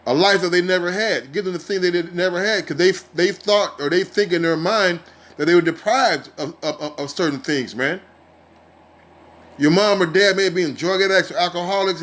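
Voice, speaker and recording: A street preacher with a fairly high, slightly bright voice teaches from scripture in a casual, heated style. He reads verses, then launches into rants full of profanity and fillers, often ending phrases with "man."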